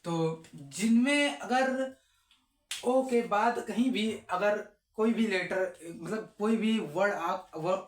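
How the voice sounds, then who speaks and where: Phonics teacher, very slow pace, repeats sounds over and over, asks and answers own questions, roomy echo. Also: medium pitch. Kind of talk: slow step-by-step phonics lesson.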